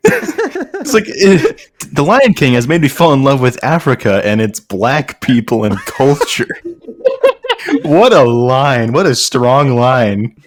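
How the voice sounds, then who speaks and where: A man hosting an online comedy show reads fanfiction aloud with mock earnestness, trading casual comedic banter and laughing often. His medium-pitched voice is very animated but slow-paced, with no room sound.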